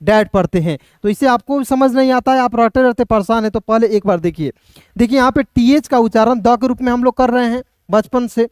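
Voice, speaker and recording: A man's voice: very high voice, a little fast, clean tone, dry recording, studio quality. Repetitive male tutor. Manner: repetitive, asks and answers his own questions. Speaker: English teacher. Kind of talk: beginner phonics lesson.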